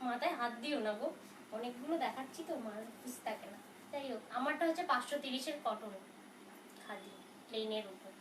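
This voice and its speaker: A high-voiced woman chats through a live saree sale. She is soft-spoken, reassuring, and answers questions as they come in. Her voice echoes around a room and sounds set back from the mic. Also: fast talker. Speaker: saree seller on a live stream. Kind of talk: casual live sales talk. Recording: roomy, from a distance, faint noise.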